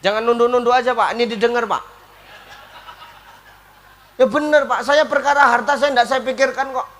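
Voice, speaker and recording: A man's voice: very high voice, moderate pace, a bit bright, a little hiss or hum. A man preaching a comic sermon, joking and acting out little scenes. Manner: joking, switches between Javanese and Indonesian, acts out scenes.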